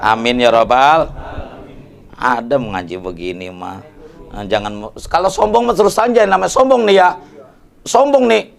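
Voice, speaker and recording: A man's voice: fairly low pitch, gravelly. A man preaching a casual study sermon, joking in slang and often asking the listeners to agree. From Indonesia. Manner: jokey, colloquial, asks audience for agreement. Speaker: Islamic preacher.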